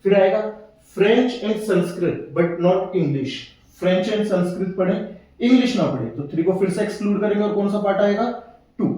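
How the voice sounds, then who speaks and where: A male maths teacher explains a lesson step by step. He asks questions, answers them himself, and reads the question text slowly, word by word. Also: sits high, dark tone, recorded from a distance. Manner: asks questions then answers them himself, mixing English terms into Hindi. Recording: echoey room, voice off-mic.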